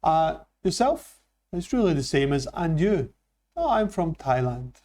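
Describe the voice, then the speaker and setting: A man from Scotland with a Scottish accent, teaching an English lesson with slow, careful delivery. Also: a little high, sing-song, a little mellow. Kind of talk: classroom lesson.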